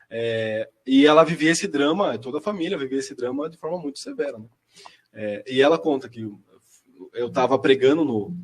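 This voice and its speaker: A man's voice: mid-range voice, breathy edge. A young man, telling his personal testimony in a chatty, slangy way as a seminarian guest. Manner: chatty, slangy storyteller, quick and lively. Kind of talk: personal testimony in casual chat.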